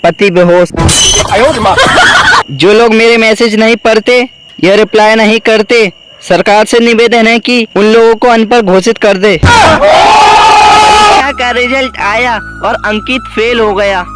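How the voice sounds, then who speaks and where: A man reading out a string of short jokes, putting on quick voices for the people in them. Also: high voice, fairly even intonation, crowd noise, background noise. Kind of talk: telling jokes over music. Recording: loud background music.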